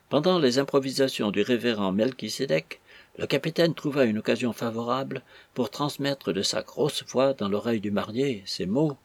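A man reading a classic novel aloud as a measured, expressive audiobook narrator. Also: mid-range voice, creaky, breathy edge, dry recording.

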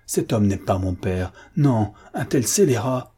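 A man's voice: fairly low pitch, animated, measured pace, warm tone, husky, heavily acted. A man voicing a young army captain who breaks into anguished, frantic outbursts in an audiobook. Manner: cries out in raised, frantic outbursts.

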